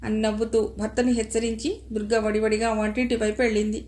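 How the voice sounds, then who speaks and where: A woman's voice: on the high side, little pitch movement, brisk, darkish tone. A woman narrating a novel as an audiobook reader, voicing the characters' dialogue in her own voice without much acting.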